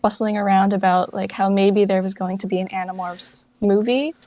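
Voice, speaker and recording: As a guest in an interview, a woman who founded a fan dub project speaks hesitantly and informally, filling her sentences with "like." She sounds mellow and steady, medium in pitch, at a moderate pace.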